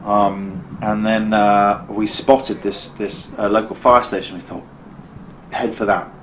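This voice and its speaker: A man's voice: on the low side, little pitch movement, unhurried, a little hiss or hum, low-quality recording. A British man and filmmaker, interviewed as a guest, telling a vivid story in conversation, acting out what people said and often restarting his sentences. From Britain. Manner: vivid, acts out quotes, frequent restarts. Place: costume shop.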